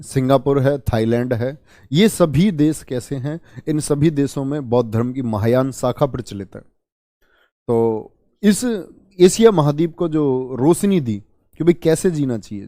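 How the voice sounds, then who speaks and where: A man's voice: mid-range voice, dark tone, no echo, clean studio sound. A man teaching an online exam-prep history class, repeating key terms and quizzing his students as he goes. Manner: addresses students as children.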